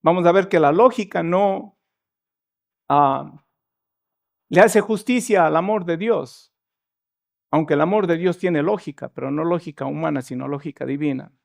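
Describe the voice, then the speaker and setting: Man, pastor, sermon in church, high voice, storytelling delivery. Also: moderate pace, vocal fry, long pauses. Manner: storytelling preacher acting out the Bible dialogue.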